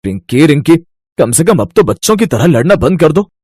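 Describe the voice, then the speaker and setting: A man's voice: a little high, big pitch swings, moderate pace, darkish tone, breathy edge. A man voicing a stern young husband and elder brother in a storybook, scolding and exasperated. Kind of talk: storybook character voice.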